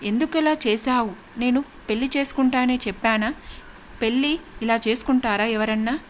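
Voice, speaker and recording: A woman narrator voices a frightened young bride who pleads and sobs out her words. The voice sits fairly high over a faint background hiss. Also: normal speed, lightly acted. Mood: pleading.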